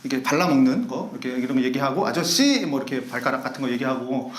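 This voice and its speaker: Animated Korean pastor in echoey hall. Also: male voice, medium pitch, fast. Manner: animated storyteller acting out angry shouts and laughing. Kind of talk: sermon with storytelling. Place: church sanctuary.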